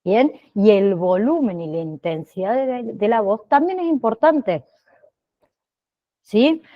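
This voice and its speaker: Woman teacher, slow and steady, keeps asking "¿sí?", bit muffled sound. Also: medium pitch. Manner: slow, checks in with frequent "¿sí?" and "¿bien?". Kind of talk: online class lecture.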